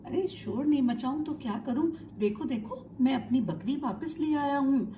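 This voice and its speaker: A loud, excitable village man in a storybook tale, put on by a woman narrator. He shouts in a raised, high voice and boasts with simple pride, over a faint hiss. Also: normal speed. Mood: excited boasting. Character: simple, bold village man with a magic stick.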